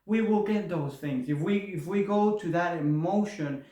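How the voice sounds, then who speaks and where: A man's voice: sits high, normal speed, warm tone. A man from Argentina, giving an earnest, repetitive motivational spiritual talk. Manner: earnest, repetitive, with rising enthusiasm. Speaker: spiritual vlogger. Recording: roomy echoey room.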